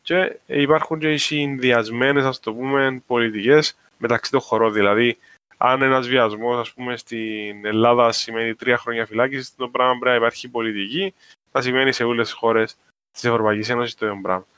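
A man's voice: medium pitch, fairly even intonation, a bit bright, smooth, no echo. Cypriot Greek man explaining things casually. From Cyprus. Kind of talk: casual discussion of social issues.

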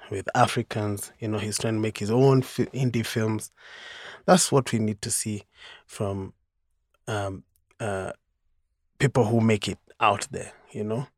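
A filmmaker sharing his view in an interview, thoughtful and pausing with many fillers. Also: on the low side, darkish tone, no echo, clean studio sound. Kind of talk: casual interview.

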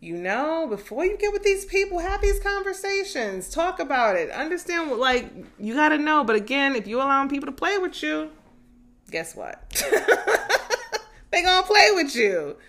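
A woman in her thirties hosting a casual solo podcast, animated and profane, laughing often and turning to spiritual reflections. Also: high-pitched, moderate pace. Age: 30s. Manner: spiritual, preachy asides. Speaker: podcast host.

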